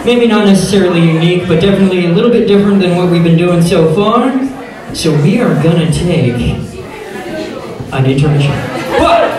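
An American man hosting a live stage show, announcing to the audience in a casual, showy, hyped-up way. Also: sits high. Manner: casual, showy, swearing hype. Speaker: burlesque show host. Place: small theater stage, indoors. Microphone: handheld microphone through PA, filmed from the audience. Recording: echoey hall from far off, audience noise. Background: crowd noise.

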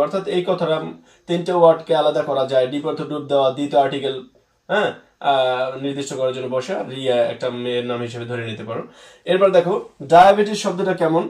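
A man's voice: on the high side, darkish tone, reverberant, recorded from a distance. A man teaching English spelling to students, patiently repeating words and spelling them out letter by letter.

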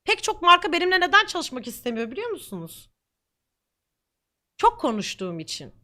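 Blunt, high-voiced woman streamer. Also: wildly swooping pitch, a little fast, bright, forceful tone. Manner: blunt and defiant, talkative. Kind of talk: reacting to comments on camera.

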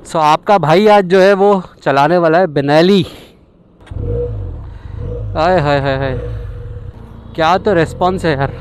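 A young man with a fairly high voice talks his way through a motorcycle ride, excited and chatty. He speaks slowly, mixing English into his sentences. Wind and traffic noise from his helmet-mounted action camera mic sit clearly underneath. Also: rough recording. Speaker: motovlogger. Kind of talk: casual riding commentary. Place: outdoors on a moving motorcycle on city roads. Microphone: action camera with external mic on a helmet. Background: engine, wind and traffic.

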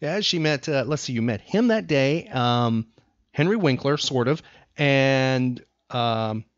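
Expressive but slow-paced, an American man with a mid-range voice hosts a relaxed trivia podcast as its quizmaster, asking questions and explaining facts in short phrases. There's no echo, and the recording is slightly dull and lo-fi.

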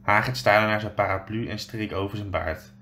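A male teacher reading a children's book aloud in a steady storytelling way with small slips. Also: lowish voice, normal speed, a little hiss or hum.

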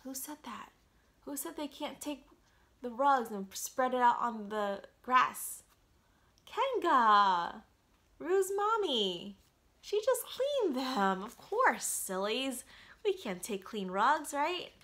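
With a high voice and a slow delivery, a woman in her thirties reads a picture book to young children. She's animated, speaks right to the child, and keeps asking questions, all from a small, quiet room at home.

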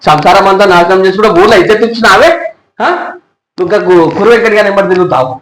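A man's voice: sits high, fast talker, fairly bright tone, echoey room, poor audio. A man playing a jealous husband in a comedy skit, accusing and quarrelsome. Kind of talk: Telangana Telugu comedy skit acting.

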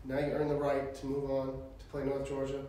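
A man's voice: medium pitch, completely flat delivery, dark tone, slight background noise. Distant man reporter, very echoey. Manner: measured questioning.

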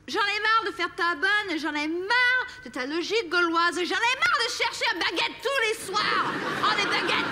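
A woman's voice: very high voice, sharp tone, exaggerated voice. An actress playing an exasperated young woman in a sitcom argument, heated and scornful. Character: exasperated young woman, fiery and sharp-tongued. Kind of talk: 1980s French sitcom acting.

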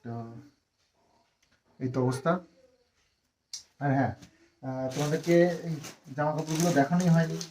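Low-voiced woman chatting casually for a vlog. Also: steady tone, normal speed, pauses often, warm tone, a little hiss or hum. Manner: chatty and rambling, with many fillers; fond and teasing when talking to a child. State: tired after a long ride. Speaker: family vlogger. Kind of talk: casual vlog chat to camera.

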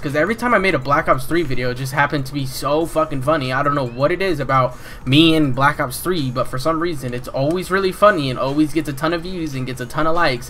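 A man doing casual gameplay commentary as a YouTuber, swearing heavily and breaking into angry shouts at the game. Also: fairly high pitch, slight background noise. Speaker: gaming YouTuber.

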